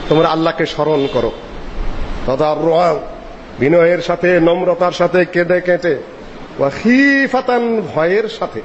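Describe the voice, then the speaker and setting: A man with a high voice delivers a sermon, chanting Arabic verses and explaining them in lively, swinging tones. The recording is dull and lo-fi, with a long reverb tail from the hall. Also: measured pace, a little hiss or hum. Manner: animated, swings pitch widely for emphasis. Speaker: Islamic preacher.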